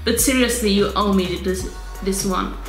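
A deadpan young woman tosses off dry, sarcastic comebacks, as a woman reads her part aloud. The voice sits a little lower and flatter than the reader's own. The room is echoey, and faint music plays in the background. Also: normal speed, natural voice.

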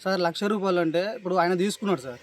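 A man with a Telangana Telugu accent giving distressed, halting testimony in an interview, pleading and repeatedly addressing the listener as sir. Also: sits high, a little hiss or hum. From Telangana, India. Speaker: complainant describing police abuse.

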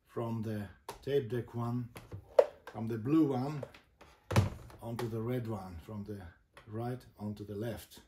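A man demonstrates a gadget in slow, halting phrases. His voice sits at an ordinary pitch in an echoey room, with loud noise and clicking around it. The delivery is informal and goes step by step. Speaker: host demonstrating vintage boomboxes. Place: indoor room with a table of boomboxes.

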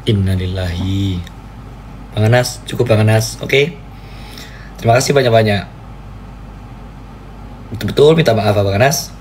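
A man preaching and chatting on a live stream, playfully pleading and jumping into squeaky high cries, with a faint hiss behind him. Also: measured pace, long pauses, darkish tone. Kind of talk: casual live-stream chat.

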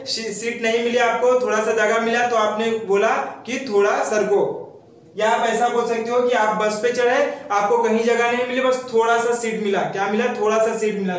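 A man teaching memory tricks and asking questions he then answers himself, in a steady explaining manner. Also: high voice. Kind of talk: mnemonic lesson for students. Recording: very echoey room, mic far off.

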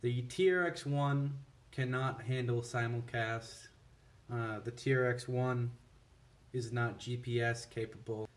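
Speaking slowly and steadily at mid pitch, the reviewer for a scanner seller walks through a product comparison. He sounds unscripted and matter-of-fact, halting a little, much like someone displaying equipment on a table.

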